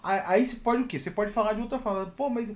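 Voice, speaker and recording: A Brazilian man, a software engineer and channel host, tells work stories in a casual monologue and often adds a quick "né?". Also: high voice. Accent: Brazilian Portuguese. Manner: animated, peppers talk with "né?".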